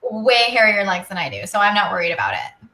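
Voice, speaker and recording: A woman co-hosting a show chats casually, her mid-range voice fast, sing-song, pushed and bright. She talks informally and constantly drops "like" into her sentences. The recording has a roomy echo.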